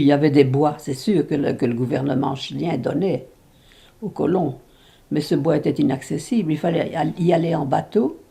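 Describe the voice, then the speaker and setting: A great-grandmother in her nineties from Belgium, telling her life story to a baby in a halting, emotional way with many restarts. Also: low-pitched, vocal fry, warm tone. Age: over 90. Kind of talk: intimate spoken memoir.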